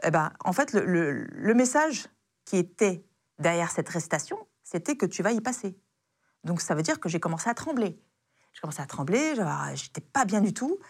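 A young adult woman, a former intelligence officer, casually retelling a dangerous encounter in a lively, slangy way with many fillers. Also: fairly low pitch, moderate pace, slightly rough. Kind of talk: casual spoken storytelling.

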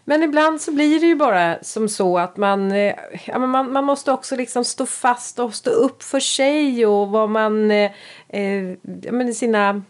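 A woman in casual conversation who listens closely and answers with short agreeing words. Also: a little high. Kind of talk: casual chat.

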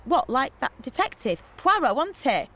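A woman voicing a brash, loud party girl who talks in slang and swears casually. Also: sits high, big pitch swings, moderate pace, full character voice. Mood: cheeky. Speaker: trip organiser.

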